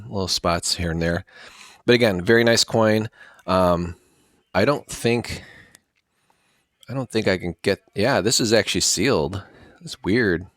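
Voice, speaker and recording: Low-voiced male vlogger, loose and rambling unboxing talk, dry close mic. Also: no room sound. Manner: rambling, chatty, thinks aloud with many fillers. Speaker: coin collecting vlogger. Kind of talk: casual unboxing talk to camera.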